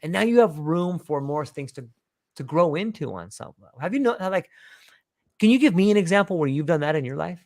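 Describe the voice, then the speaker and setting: A man hosts a casual podcast conversation in a somewhat higher voice than most men. He muses and circles back on his thoughts, talking in a rambling, reflective way. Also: lively intonation, brisk, darkish tone. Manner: meandering, reflective talker. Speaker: podcast host; father.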